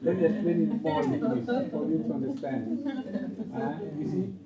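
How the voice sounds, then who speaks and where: A man's voice: on the high side, brisk, over a noisy crowd. Man teaching grammar. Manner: repetitive, checks understanding with "okay?". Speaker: English teacher. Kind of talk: classroom grammar lesson. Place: classroom. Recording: roomy, distant, dull lo-fi, faint noise.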